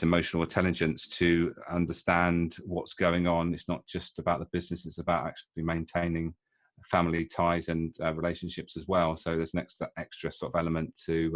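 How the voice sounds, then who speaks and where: Appearing as an interview guest, a middle-aged British man with a very deep voice talks casually about his work as a leadership coach. His delivery is hesitant, full of ums and restarts.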